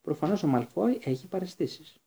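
A man's voice: fairly high pitch, lively intonation, creaky, warm tone, pitched above the performer's own voice. A man reading aloud and voicing a schoolboy who answers guardedly, feigning innocence. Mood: feigned innocence.

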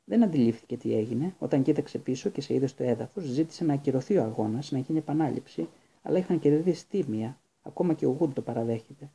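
Male reader as an earnest teen boy explaining; dark, husky. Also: medium pitch, expressive.

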